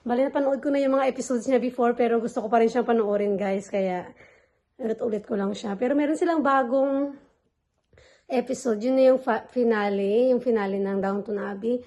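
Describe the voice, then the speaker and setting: A woman's voice: fairly high pitch, fairly quick, warm tone, highs cut off. A young woman vlogging as a mother, chatting casually in a mix of Tagalog and English and slipping into sing-song baby talk with her infant. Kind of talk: casual family vlog chat.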